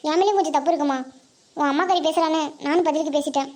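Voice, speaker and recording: High, fast, loud village aunt, teasing scolder with a warm heart voiced by a performer. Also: lightly acted. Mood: earnest.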